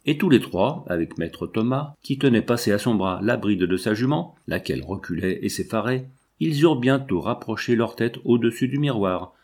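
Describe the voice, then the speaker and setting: A man reading a classic novel aloud as audiobook narration, measured and steady. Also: medium pitch. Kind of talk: scripted literary narration.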